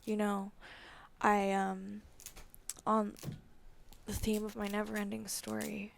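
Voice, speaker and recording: A woman's voice: mid-range voice, monotone, slow pace, creaky, a little hiss or hum. A woman co-hosting a podcast in casual chat, rambling through her stories with frequent giggles. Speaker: podcast co-host.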